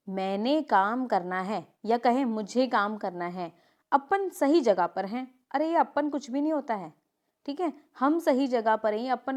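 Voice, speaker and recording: A woman teaching a grammar lesson, reading example sentences and correcting them with quick asides. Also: on the high side.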